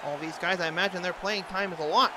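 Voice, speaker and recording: Man, higher-pitched voice, announcer-style hockey commentary, short clipped calls, noticeably noisy recording. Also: fairly even intonation, quick pace. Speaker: amateur hockey play-by-play announcer. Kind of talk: sports announcer impression, play-by-play commentary. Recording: clearly noisy, ambient background noise.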